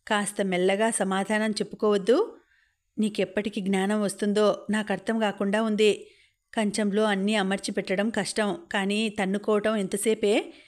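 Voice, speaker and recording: A tired, ailing old mother scolds her daughter in weary, sighing complaints, as a woman reads her part in an audiobook. The voice sits in a middle register and stays flat in its melody. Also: medium pitch, moderate pace, close to an everyday voice. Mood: scolding. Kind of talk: audiobook novel reading.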